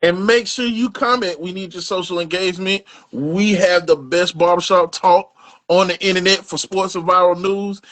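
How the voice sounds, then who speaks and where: A man's voice: high-pitched, fairly even intonation, moderate pace, fairly bright tone. A man co-hosting a casual sports podcast, talking loosely and rambling through his points. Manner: loose, rambling, restarts and trails off. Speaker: podcast co-host. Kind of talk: casual sports barbershop chat.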